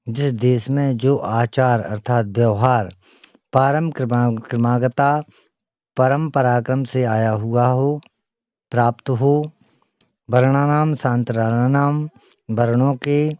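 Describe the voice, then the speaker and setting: A man's voice: medium pitch, darkish tone, no echo, highs cut off. A man teaching a lesson, reciting each verse and then explaining it line by line.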